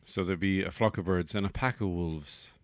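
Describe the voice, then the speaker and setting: A man's voice: low-pitched, normal speed, dry recording, studio quality. A man hosting a solo comedy podcast, rambling through jokey, profane tangents. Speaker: podcast host.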